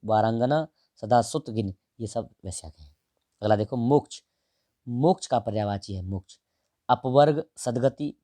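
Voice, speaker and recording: A man teaching exam prep, going through answers one option at a time in a casual, direct way and drawing some words out slowly. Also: medium pitch, mellow, no echo, studio quality. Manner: explains each option, stretches out words while writing; casual and direct, calls the listener brother. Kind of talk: answer-key walkthrough lesson.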